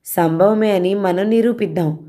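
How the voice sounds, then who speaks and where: A woman's voice: medium pitch, normal speed, mellow, natural voice. Woman doing a self-pitying flirtatious married man.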